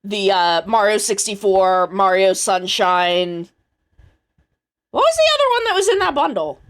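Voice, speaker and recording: A woman's voice: mid-range voice, very animated, unhurried, fairly bright tone, clear, resonant tone. A woman streamer chatting casually on a live stream, rambling and thinking aloud, swearing now and then.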